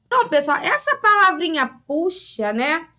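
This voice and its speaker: A woman teacher with a Rio de Janeiro accent gives a recorded lesson for children. Her voice sits high and comes across clear and bright. She explains patiently, often ending sentences with short questions to check the class is following. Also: big pitch swings, moderate pace. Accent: Rio de Janeiro Portuguese. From Rio de Janeiro, Brazil.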